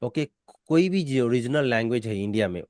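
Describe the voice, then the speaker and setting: A man's voice: mid-range voice, lively intonation, fairly quick, darkish tone, no echo, clean studio sound. An Indian man teaching spoken English, explaining in a mix of Hindi and English and repeating his key points.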